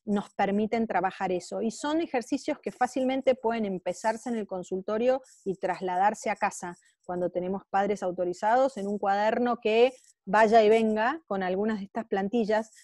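Woman lecturer with a Rioplatense accent, patient and emphatic, relaxed mellow voice. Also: medium pitch, normal speed, dry recording, studio quality. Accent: Rioplatense Spanish. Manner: explanatory, with emphatic stressed phrases. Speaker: psychopedagogue lecturer. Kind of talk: online lecture.

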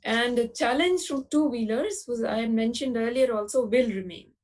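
A woman giving a webinar presentation over a video call, explaining in a measured way with frequent pauses and fillers. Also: on the high side, a little mellow, low-quality recording. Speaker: panelist presenting slides.

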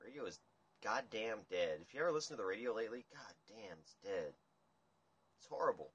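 A young man hosting a casual livestream chat, ranting in a rambling, profane, animated way. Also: on the low side, fairly quick, husky, muffled recording. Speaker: livestream host. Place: dim room indoors. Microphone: phone camera at table.

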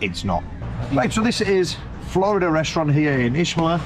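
A British man in his thirties, a food reviewer and vlog host, talks to camera casually in a chatty, slangy, emphatic way, repeating phrases for effect. His voice is a little high and sing-song at normal speed. He's on an open-air restaurant terrace by a road, with street-side noise and passing vehicles.

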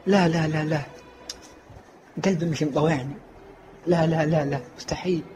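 A man's voice: a little high, fairly even intonation, moderate pace, music in the background, natural voice. A man playing a grown son who has been thrown out by his family, speaking in a hurt, pleading way. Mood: refusing.

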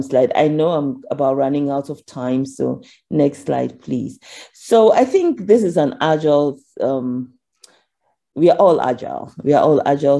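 A woman's voice: rumbling low, mellow. A woman giving a conference keynote over slides, earnest, with frequent ums as she asks for the next slide. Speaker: keynote speaker.

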